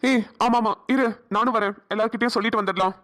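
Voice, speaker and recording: A woman's voice: a little high, fairly even intonation, fast, fairly bright tone, lightly acted. A woman voicing a caring young man in a cartoon drama, speaking in a soothing, coaxing, earnest way. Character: caring young man Karthik, gentle supportive friend.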